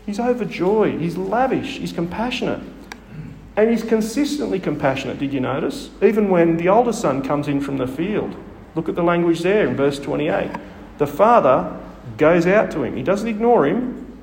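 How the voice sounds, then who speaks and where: Preacher, animated storyteller, fairly high voice; recorded in a reverberant hall. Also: male voice, normal speed, creaky, slight background noise. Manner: storytelling, rhetorical questions. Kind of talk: sermon. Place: church hall. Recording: echoey hall with long reverb.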